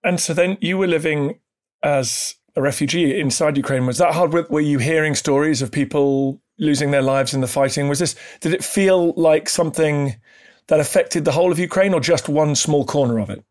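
A man's voice: a little high, moderate pace, darkish tone. A man with a slightly raised voice conducts an interview. He asks questions politely and encourages his guest, thanking her as he goes.

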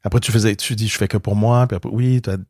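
A middle-aged man with a Québécois accent chats casually as an interview guest, spinning anecdotes and slipping into the voices of the people he quotes. His voice sits on the low side and he often restarts and repeats words mid-sentence. The recording is close and dry. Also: steady tone, fast, darkish tone, slightly rough, dry recording. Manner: storytelling, acts out quoted dialogue. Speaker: guest, comedian.

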